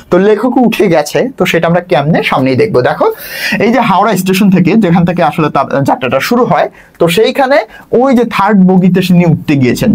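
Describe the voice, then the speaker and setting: A young man teaching a literature class, explaining a text line by line and restating each point for his students. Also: sits high. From Bangladesh. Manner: lively, quick, repeats and rephrases for students.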